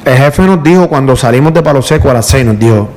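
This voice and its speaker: A man's voice: mid-range voice, expressive, quick pace, a little mellow. Emotional Puerto Rican man telling his story. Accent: Puerto Rican Spanish. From Puerto Rico. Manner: emotional storyteller, repeats words, tearful at times. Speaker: guest, power utility worker. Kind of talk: emotional casual conversation.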